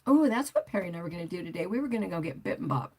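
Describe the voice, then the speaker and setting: Talking very fast in a lowish, expressive voice, an older woman hosts her motorcycle vlog livestream. She rambles chattily, reading comments from her audience and answering them as she goes.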